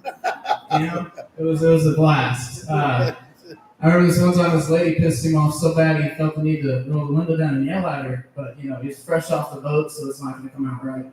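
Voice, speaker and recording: A man's voice: a little high, steady tone, brisk, a little mellow, a little hiss or hum. A man doing a crude, profanity-heavy stand-up set on a club stage, chuckling at his own jokes. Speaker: stand-up comedian. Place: comedy club stage with audience. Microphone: handheld stage mic. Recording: echoey room, mic picked up from a distance.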